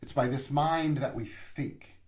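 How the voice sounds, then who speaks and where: A male minister delivers a sermon at an unhurried, reflective pace, leaving long pauses so his phrases settle. His voice sits at an ordinary middle pitch. It comes from a room via an online service, with a noticeable roomy echo.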